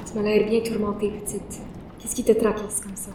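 A woman playing a calm, gentle confidante at a boarding school who speaks softly and reassuringly in an audio drama. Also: medium pitch, moderate pace, noisy background, natural voice. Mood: soothing. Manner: soothing, soft-spoken, even. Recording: roomy, distant mic.

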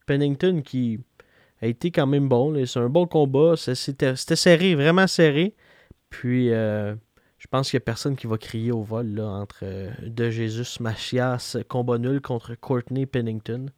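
A man's voice: medium pitch, measured pace, darkish tone, no echo, studio quality. A man with a Québécois accent hosting a casual boxing podcast, chatting with fillers and hesitations. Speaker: podcast host.

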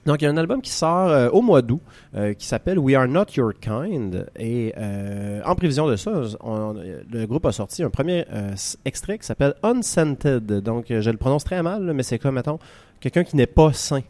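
A man's voice: mid-range voice, expressive, normal speed, few pauses, a little mellow, dry recording. Quebec French man, jokey radio columnist. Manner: jokey, laughs often, many fillers. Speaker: radio host, music columnist. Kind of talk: casual radio chat.

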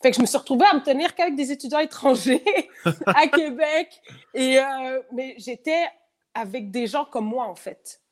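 Her voice is high-pitched and moves at a normal pace. She's in her thirties, with a Quebec French accent and a faint France-French flavor, and she answers candidly as a casual interview guest, repeating herself, restarting, using many fillers and laughing a lot.

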